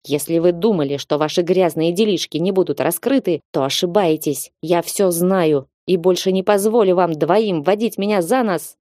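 A woman's voice: lowish voice, normal speed, few pauses, warm tone, dry recording, studio quality, lightly acted. A woman voicing a drunk, jealous young male viscount who rants and accuses in an audiobook. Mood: ranting. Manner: slurring, accusing, ranting.

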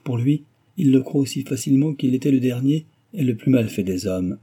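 A man's voice: mid-range voice, lively intonation, a little fast, dark tone, slightly rough, pitched above the performer's own voice. A man voicing a garrulous, complaining middle-aged mother in a novel reading. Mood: peevish, rambling. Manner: rambling, complaining.

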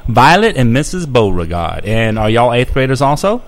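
A man's voice: mid-range voice, big pitch swings, moderate pace. A man hosting a radio show, chatting casually with phone callers in a friendly, rambling way full of ums and restarts. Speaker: radio host.

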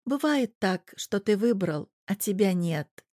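A woman voicing an affectionate, cheerful middle-aged mother, slightly raised in pitch. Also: expressive, slow pace, a little mellow. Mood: tender.

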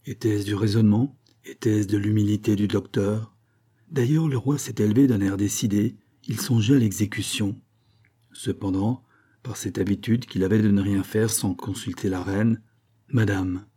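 Dark, husky male audiobook narrator. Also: fairly low pitch, normal speed. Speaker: audiobook reader. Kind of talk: scripted narration.

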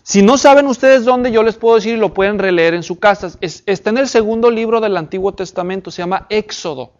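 A man with a high voice gives a sermon-style Bible lesson to a gathered group. He often checks in with his listeners and reads scripture passages slowly and deliberately. The recording sounds dull and lo-fi. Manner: addresses the audience with questions and check-ins. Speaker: preacher teaching a Bible class.

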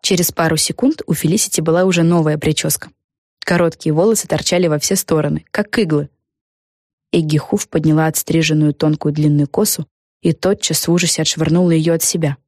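A woman reads a children's story aloud in a lively, expressive way. Her voice sits low and she is recorded dry and close. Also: a little fast, dry recording. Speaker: audiobook narrator. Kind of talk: scripted storybook narration.

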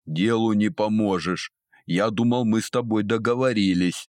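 A man doing a gruff, mocking old overseer. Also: on the low side, moderate pace, no room sound, clean studio sound, natural voice. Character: sly old male overseer of a small underground folk, gruff and scornful.

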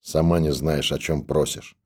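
Male narrator as a gruff, scolding stoker with a low, dark voice. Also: normal speed. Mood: stern. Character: gruff old stoker in a monastery.

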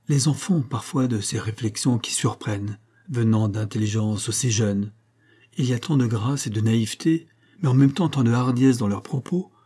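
A man reads a classic short story aloud with measured, expressive pacing. His voice is dark and mellow, with a husky grain, at a middle pitch. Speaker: narrator. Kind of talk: literary audiobook reading.

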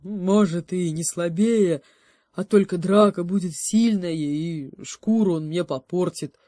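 A woman voicing a smug, cowardly male bear guarding a forest path in a storybook, speaking loudly and boastfully. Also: fairly low pitch, a little slow, dry recording, clean studio sound, lightly acted. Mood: gruff.

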